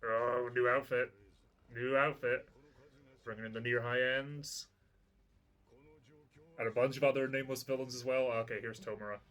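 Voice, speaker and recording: A man hosting a reaction video, chatting casually as he watches and thinking aloud, sometimes breaking into loud excited shouts. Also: medium pitch, normal speed, pauses often. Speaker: reaction channel host.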